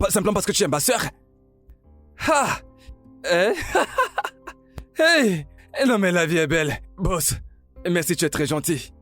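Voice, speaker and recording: A man dubbing an excitable young man who shouts with glee over money and stammers in repeats, for a French film dub. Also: sits high, full character voice. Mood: gleeful. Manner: loud, exclaiming, stammering repeats. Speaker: dubbing actor.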